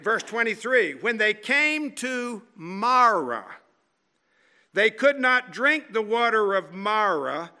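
A man preaching a sermon with dramatic storytelling and rhetorical questions, dropping to a quiet, slow voice for emphasis. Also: high voice.

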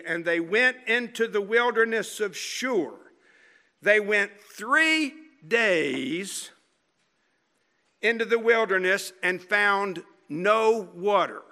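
Male preacher, high and bright, slow dramatic delivery, sinks to a soft hush for emphasis. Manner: dramatic, animated storytelling with rhetorical questions; drops to a quiet, slow, low voice for emphasis. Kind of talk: sermon.

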